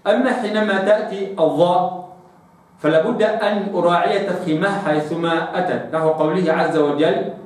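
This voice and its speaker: A man gives a pronunciation lesson for Quran recitation, drawing model words out slowly and explaining in between. His voice sits fairly high for a man. It rings through a very reverberant room, picked up from some distance. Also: fairly even intonation. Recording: very echoey room, voice off-mic.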